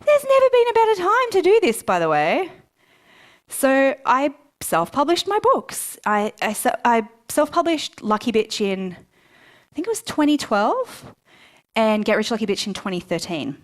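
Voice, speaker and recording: A woman's voice: sits high, a little slow. A woman speaking live to an audience at a book launch, chatty and self-mocking, acting out her own past thoughts. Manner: lively, chatty, self-mocking, quotes herself in asides. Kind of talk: live motivational talk to an audience. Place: event room before a live audience.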